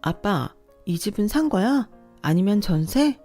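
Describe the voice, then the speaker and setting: A woman's voice: mid-range voice, big pitch swings, unhurried, dark tone, faint music behind, voice pushed up. A woman voicing a young married daughter who questions her father and husband insistently in a read-aloud story. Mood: cheerful. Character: the daughter narrator, a young married office worker, direct and suspicious. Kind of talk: scripted story reading.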